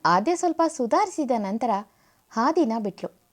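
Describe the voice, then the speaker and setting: Woman storyteller, high voice, serialized family story, plain reading with small voice shifts for characters. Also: sing-song, unhurried. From India.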